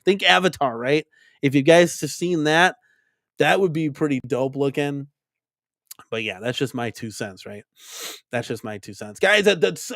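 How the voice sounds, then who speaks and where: A man's voice: fairly high pitch, no room sound. Chatty man rambling at a close mic. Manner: rambling, repeats himself, lots of "right?" and "like". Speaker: arcade collector vlog host. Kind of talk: casual live-stream chat.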